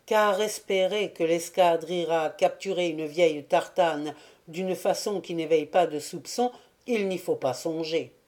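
A woman reading the lines of a stern, measured male naval officer in a storybook. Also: on the low side, a little mellow, natural voice. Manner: measured, severe.

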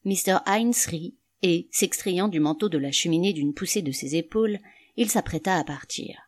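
A woman narrating an audiobook story with expressive storytelling. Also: fairly low pitch, normal speed.

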